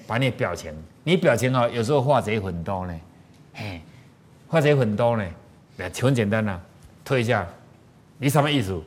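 A man with a Taiwanese Mandarin accent, a spiritual teacher giving an animated sermon-style lecture full of rhetorical questions to the audience. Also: medium pitch.

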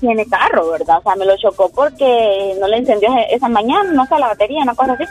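A female caller, chatting on a radio phone-in about what happened to her. Her voice sits somewhat high, with faint music underneath. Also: lively intonation, fast talker, a little mellow, rough recording. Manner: chatty, recounts her own experience. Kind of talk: casual chat on a phone-in.

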